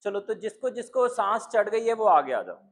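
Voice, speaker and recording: A man's voice: sits high, very animated, moderate pace. A man leading a live breathing class, calling students forward and checking whether they understand. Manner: calls students up, checks them, asks if it is clear. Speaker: breathing instructor.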